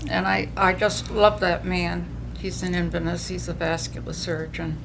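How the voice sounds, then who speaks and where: At a recovery meeting, an older woman with a New England accent gives earnest personal testimony, often restarting as she tells her story. Her voice is fairly low and creaky, with little pitch movement and a normal pace, over a noisy background.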